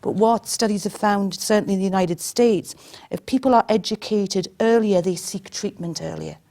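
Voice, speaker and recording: A woman's voice: medium pitch, moderate pace, dark tone. A woman speaking as a panel guest, answering in a firm and emphatic way. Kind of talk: panel discussion.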